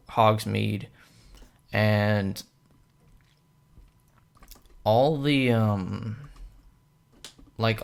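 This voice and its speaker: A young man talks through a film in a relaxed, rambling way and fills every gap with hesitations. His low voice has a heavy gravelly fry. He sounds like someone making a casual commentary video. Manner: rambling, many fillers and hesitations. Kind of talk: casual film analysis monologue.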